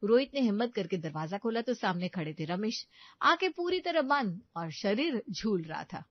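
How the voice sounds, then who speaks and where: A woman narrating a storybook tale in a lively, expressive way. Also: mid-range voice, moderate pace, no echo, highs cut off.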